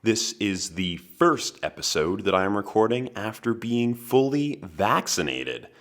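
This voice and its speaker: A man in his twenties hosting a podcast, delivering a comedic monologue in a dry, deadpan manner with wry asides. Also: sits low. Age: 20s. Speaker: podcast host.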